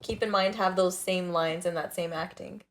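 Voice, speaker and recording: A woman's voice: fairly low pitch, fairly even intonation, normal speed. A woman co-hosting a podcast, posing questions in casual chat and laughing easily.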